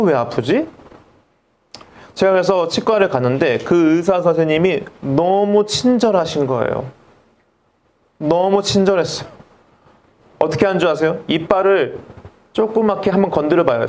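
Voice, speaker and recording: A middle-aged man preaching with high, bouncy pitch that swoops up and down. He tells a funny personal story and acts out every line of dialogue. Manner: animated, comic storytelling with acted-out dialogue. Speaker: pastor. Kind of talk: storytelling sermon.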